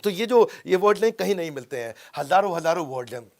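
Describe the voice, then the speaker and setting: A middle-aged man giving an energetic lesson on English, asking rhetorical questions and checking in with his listeners. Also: high voice, quick pace, creaky. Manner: emphatic, rhetorical questions, frequent "haan?" checks. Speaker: motivational speaker teaching English skills. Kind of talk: energetic Hindi lecture mixing English.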